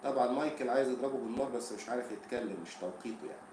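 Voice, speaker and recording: A man's voice: mid-range voice, a little mellow, slight background noise. Egyptian man teaching English, echoey room. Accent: Egyptian Arabic. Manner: explains in Arabic between slow English quotes, asks the class questions. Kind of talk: exam-prep lesson.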